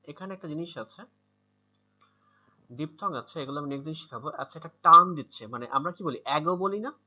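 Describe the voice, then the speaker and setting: A man's voice: a little high, animated, a little fast, sharp tone. A man with a Bangladeshi accent teaching English pronunciation in an online class, patiently repeating words for students over a video call. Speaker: English tutor. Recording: muffled video-call audio.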